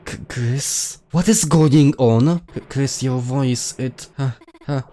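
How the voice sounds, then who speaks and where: A man voicing a shy, nervous young deer girl from a game, talking in a halting, stammering way. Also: medium pitch, mellow, a little hiss or hum, close to an everyday voice. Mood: frightened.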